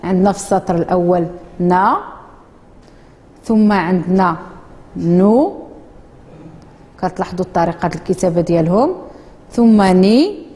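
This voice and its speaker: A woman with a Moroccan accent teaching a children's reading lesson in a classroom, slowly drawing out words for the pupils to repeat. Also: fairly low pitch, lively intonation, dark tone, in a large hall. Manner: slow, drawn-out modeling of words for children. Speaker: primary school teacher.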